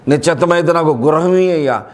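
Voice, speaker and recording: A man's voice: a little high, brisk, natural voice. A man voicing a young man who lists his requests in prayer. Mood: asking. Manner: listing requests. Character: young man asking God for things.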